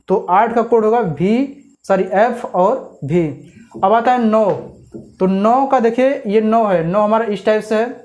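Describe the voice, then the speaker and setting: A man teaching a memory trick, explaining step by step and often checking with "clear?" and questions to the viewer. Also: high-pitched, a little mellow. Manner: repeats "clear?" and asks rhetorical questions.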